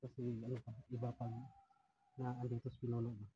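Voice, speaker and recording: A man chatting quickly with friends on a mountain and talking to viewers. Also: mid-range voice, completely flat delivery, mellow, highs cut off, slight background noise. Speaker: vlogger on a jungle outing. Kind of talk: casual chat among friends. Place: outdoors on a mountain.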